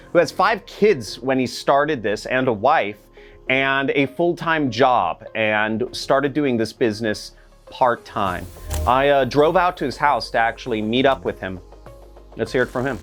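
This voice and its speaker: A man talks straight to the viewer in a persuasive, easygoing sales pitch. He keeps asking rhetorical questions and then answers them himself. Soft music plays under his voice. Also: expressive, measured pace. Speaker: ad presenter. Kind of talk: direct-to-camera sales pitch.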